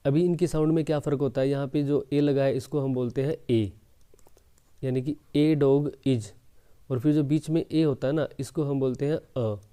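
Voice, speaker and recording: Male teacher, mid pitch, smooth and very mellow tone, deliberate explainer. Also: fairly even intonation. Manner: slow deliberate reading of English sentences; explaining, addresses viewers as friends. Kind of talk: exam prep lesson.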